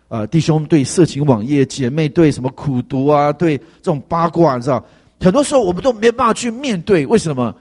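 A man's voice: fairly high pitch, darkish tone, slightly rough. A man preaching a sermon, telling a story and asking the congregation rhetorical questions, with frequent fillers.

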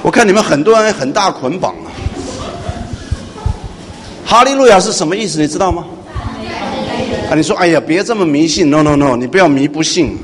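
A male pastor delivers a sermon to his congregation, often throwing questions out to them. His voice rises to ringing loudness and then drops low and confiding. The room carries a long echo, with a light hum of noise underneath. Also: a little fast, long pauses. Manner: animated preaching that moves from hushed to loud and questions the congregation. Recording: echoey hall with faint noise.

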